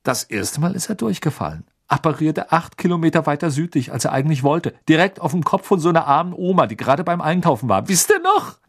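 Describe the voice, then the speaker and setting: Ein Mann, der in einem Hörbuch einen frechen Teenager und Spaßvogel spricht. Er erzählt neckend und spöttisch. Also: male voice, a little high, very animated, fast talker, hardly any pauses, slightly rough, pitched above the performer's own voice, full character voice. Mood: teasing. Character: cheeky teenage boy, twin prankster.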